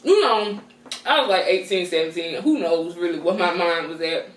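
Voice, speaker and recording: A woman's voice: on the low side, moderate pace, echoey room, distant mic, slight background noise. A woman telling a casual, slangy storytime as a mukbang vlogger, talking with her mouth full as she eats. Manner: talks with mouth full while eating; animated, slangy, conversational.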